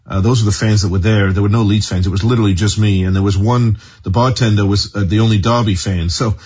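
A man's voice: on the low side, fairly even intonation, darkish tone, slightly rough, lo-fi sound. An enthusiastic man in his fifties from northern England with an English accent, talking about his supporters club in an interview. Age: 50s. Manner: enthusiastic, rapid and chatty. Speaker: football supporters club member. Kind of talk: interview answers.

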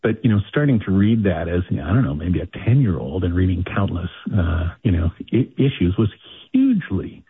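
A man calling in to a radio show, earnest and halting with many fillers and repeats, heard over a phone line. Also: low-pitched, sing-song, breathy edge, no room sound. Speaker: caller. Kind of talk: radio call-in.

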